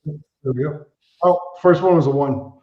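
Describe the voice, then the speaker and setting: A man's voice: a little high, normal speed. A man playing a tabletop game, chatting casually about his rolls and moves over a muffled, roomy recording. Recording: muffled, very echoey room.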